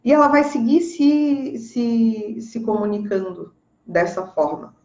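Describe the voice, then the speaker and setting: A woman's voice: a little high, lively intonation, slow, a little mellow, reverberant, highs cut off. A woman with a Brazilian Portuguese accent, a parenting educator giving casual, emphatic advice and often checking in with her listeners.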